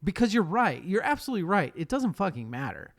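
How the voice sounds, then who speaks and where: A man's voice: sits high, big pitch swings, fast. A man hosting a casual podcast, chatty and swearing, often restarting his sentences. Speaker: podcast host.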